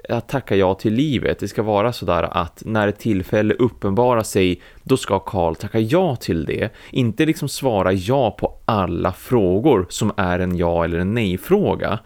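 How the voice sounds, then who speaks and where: A man co-hosting a podcast, explaining a film's scenes in a measured, drawn-out way. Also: on the low side, darkish tone. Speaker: podcast co-host. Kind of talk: casual film discussion.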